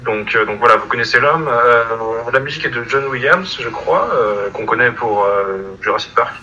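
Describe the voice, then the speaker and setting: A man chatting casually as a podcast panelist, with a very bright, forward voice. He talks haltingly, with plenty of fillers. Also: mid-range voice, lively intonation, muffled recording. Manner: hesitant, many fillers.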